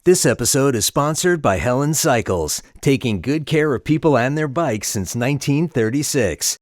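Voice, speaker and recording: A man reading a sponsor ad in a smooth, upbeat voice. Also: mid-range voice, lively intonation, moderate pace, no room sound, clean studio sound. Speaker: sponsor announcer. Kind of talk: read ad.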